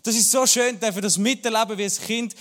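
A man in his thirties with a Swiss German accent preaches a church sermon packed with personal anecdotes and humor. His high, slightly bright voice moves a little fast, and the church hall adds a long reverb.

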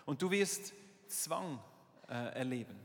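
A man's voice: medium pitch, expressive, slow pace. A man interpreting a sermon line by line, hesitant, with fillers and self-corrections. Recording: live sermon in a reverberant hall.

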